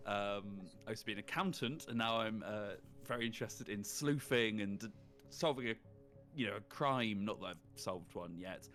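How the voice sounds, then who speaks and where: A man voicing a former accountant who is now a bumbling amateur sleuth, speaking in a deadpan way. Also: on the low side, moderate pace, faint music behind, voice pushed down, natural voice. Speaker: player.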